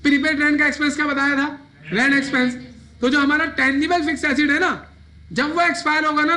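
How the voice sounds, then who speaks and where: A man's voice: very high voice, pushed and bright. A man teaching an accounting class, asking his students questions and answering them himself. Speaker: accounting lecturer. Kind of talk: classroom lecture.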